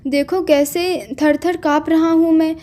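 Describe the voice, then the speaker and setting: A woman's voice: very high voice, steady tone, a little slow, warm tone. Woman reading as a teasing young man. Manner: mocking, laughing at her.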